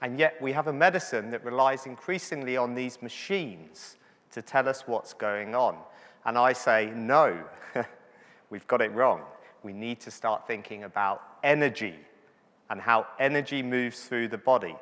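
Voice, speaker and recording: A doctor addresses physiotherapists in a large conference hall, his medium-pitched, fairly bright voice unhurried as he jokes, chats, and checks in with the audience. The venue's hall reverb is audible.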